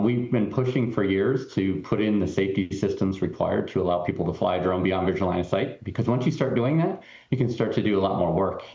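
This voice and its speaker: A man with a low, slightly mellow voice, a tech company CEO, answers questions in a TV interview over a remote link. He explains earnestly, with frequent ums and restarts. The remote feed sounds roomy and dull.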